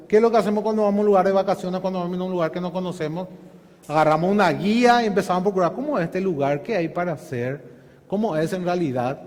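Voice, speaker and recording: A man's voice: fairly high pitch, a little mellow, big-room sound. A man pastor giving an earnest Bible study sermon, asking his listeners questions and calling them brothers. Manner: earnest preaching with rhetorical questions, repeatedly addressing "hermanos". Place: church hall.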